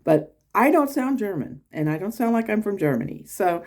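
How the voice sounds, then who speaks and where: With big pitch swings and a darkish tone at normal speed, an American woman hosting her vlog recounts a casual trip, rambling and restarting with fillers. She voices quoted people higher.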